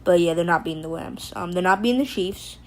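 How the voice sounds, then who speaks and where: A woman with a lowish voice talks fast on a poor-quality recording as she hosts a casual livestream. She jokes around, rambles loosely with lots of fillers and restarts, and calls out to viewers in chat by name.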